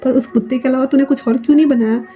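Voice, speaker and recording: A woman's voice: high voice, fairly even intonation, very fast, soft background music, natural voice. A woman voicing a blunt, exasperated male coworker in a storybook reading, with a dull lo-fi sound. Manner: scolding, blunt.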